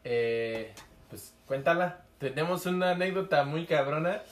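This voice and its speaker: A man's voice: fairly high pitch, expressive, a little slow. Hesitant young Mexican man, echoey room. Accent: Mexican Spanish. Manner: hesitant, laughing banter. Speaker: podcast co-host. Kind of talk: casual chat. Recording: echoey room with faint music.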